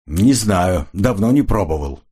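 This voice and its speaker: A man's voice: mid-range voice, sing-song, normal speed, a little mellow, breathy edge, pitched above the performer's own voice. A man voicing a sullen, curt former agent who answers defensively in an audiobook.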